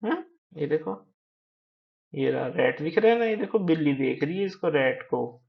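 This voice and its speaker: A man teaching young children, slowly drawing out and repeating words for them to copy. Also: a little high, expressive, vocal fry. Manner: slow drawn-out repetition of words for children. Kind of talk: children's lesson. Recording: dull lo-fi sound.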